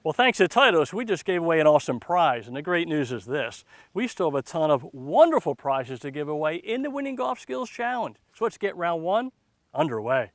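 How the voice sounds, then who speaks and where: High-pitched, effusive male golf commentator. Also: sing-song, fairly quick, no room sound. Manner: effusive, exclamatory, encouraging. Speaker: golf show host and commentator. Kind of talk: excited golf commentary and contest hosting. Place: outdoors on a golf course. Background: music.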